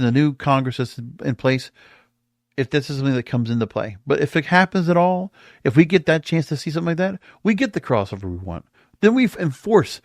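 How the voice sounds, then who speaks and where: An American man hosts a solo podcast, giving opinionated commentary on the music industry with emphatic delivery and stretched-out words for stress. His voice is on the high side, and the studio recording is clean with no room sound.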